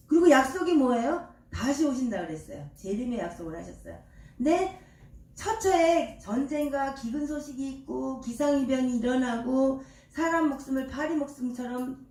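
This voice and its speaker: An older woman pastor preaching in a high voice, tossing questions out to the congregation and answering them herself in a folksy, homely way. She is heard from across a reverberant church, not close to the mic. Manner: call-and-response, quizzing the congregation. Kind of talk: sermon. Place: church sanctuary. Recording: echoey church from far off.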